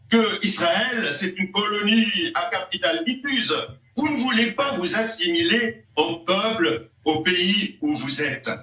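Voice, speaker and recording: A man's voice: sits high, pushed and bright. A man arguing insistently as a guest in a heated televised debate, lecturing his opponent and pressing questions. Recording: echoey distant dull TV audio.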